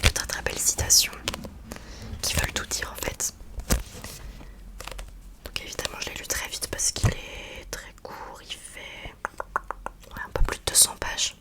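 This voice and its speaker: Woman whispering softly, ASMR book chat. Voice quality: soft unvoiced library-like whisper. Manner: hesitant, informal, searching for words. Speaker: book review host.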